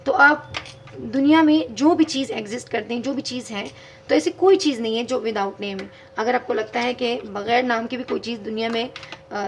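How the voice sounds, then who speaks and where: Gravelly-voiced woman teaching grammar. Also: fairly high pitch, a little hiss or hum. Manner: patient, explains step by step, spells words letter by letter. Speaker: English teacher. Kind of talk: video lesson explaining grammar.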